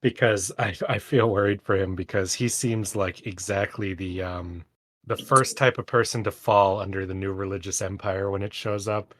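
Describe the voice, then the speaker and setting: A man's voice: lowish voice, steady tone, moderate pace, a bit bright, dry recording. Rambling, laughing man on a dry podcast mic. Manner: rambling, laughing, searches for words. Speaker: podcast co-host. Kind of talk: casual book-club chat.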